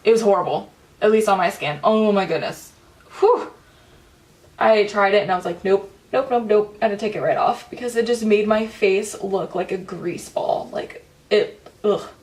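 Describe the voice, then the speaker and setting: A woman's voice: medium pitch, moderate pace, a little mellow, distant mic. A young woman chatting casually through a makeup tutorial at home, full of "like" and "um" fillers. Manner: chatty, filler-heavy, says "like" often. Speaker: beauty vlogger.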